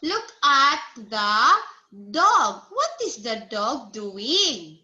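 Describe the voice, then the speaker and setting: A woman's voice: a little high, sing-song, pushed and bright, lo-fi sound. A woman teaching English to a child one-on-one, speaking patiently, repeating words and praising answers. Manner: patient, slow, repeats words for the learner to copy.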